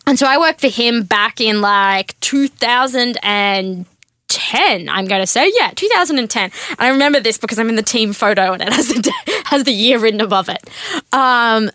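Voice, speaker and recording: An Australian woman in her twenties, guest-hosting a casual podcast, tells chatty stories packed with "like" and "um". Her voice is a little high and bright, with lively intonation, a forceful tone and moderate pace. The studio-quality recording has no echo.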